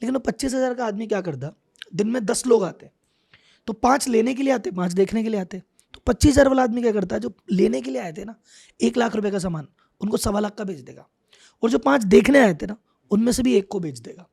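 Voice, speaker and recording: A middle-aged man, a business coach, explaining business lessons with animated examples and acted-out quotes. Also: high-pitched, brisk, gravelly, breathy edge. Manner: animated, acts out quoted thoughts. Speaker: business coach, podcast guest.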